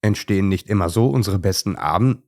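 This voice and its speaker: A man voicing a small, excitable female dachshund in a children's storybook, chatty and quick to get excited. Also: fairly low pitch, lightly acted. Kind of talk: storybook character voice.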